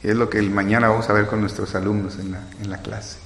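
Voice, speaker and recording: A man's voice: fairly low pitch, little pitch movement, fast talker, a bit bright, a little hiss or hum. Preaching man in an echoey hall. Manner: retells scripture with dramatic acted quotes. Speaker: pastor. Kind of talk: sermon. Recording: echoey hall with long reverb.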